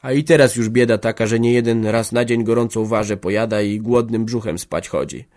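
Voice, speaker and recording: A man's voice: on the low side, fairly quick, a little mellow, lightly acted. Man doing a stern old peasant farmer. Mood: sharp, grim. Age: older. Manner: stern, harsh, emphatic. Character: stubborn, hard-hearted old peasant farmer. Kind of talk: audiobook character voice.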